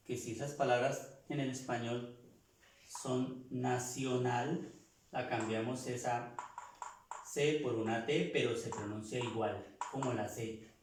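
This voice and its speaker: A man teaching a language class, slowly repeating and sounding out each word for his students. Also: medium pitch, heavy reverb, a little hiss or hum. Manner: slow, repeats words, sounds them out. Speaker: French teacher.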